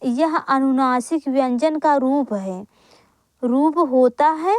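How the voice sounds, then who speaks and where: Female tutor, unhurried delivery, talks through a grammar lesson point by point and fixes her own slips aloud, dry recording. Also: sits high, darkish tone, no room sound. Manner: slow, repeats each point and asks then answers her own questions; corrects herself aloud with quick apologies. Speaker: teacher. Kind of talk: exam-prep Hindi grammar lesson.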